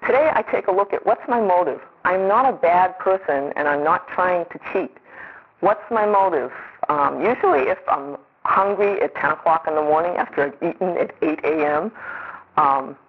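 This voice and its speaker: A woman's voice: fairly low pitch, expressive, normal speed, vocal fry, breathy edge. A middle-aged woman giving an earnest, rambling personal testimony, often restarting her sentences as she speaks. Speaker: speaker sharing a recovery story. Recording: tinny phone-like recording.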